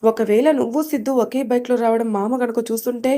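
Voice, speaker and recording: A woman's voice: fairly high pitch, fairly even intonation, quick pace, mellow, lightly acted. Brief: mischievous young girl in a read-aloud tale voiced by a woman, teasing. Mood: playful. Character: playful teenage girl cousin, teasing.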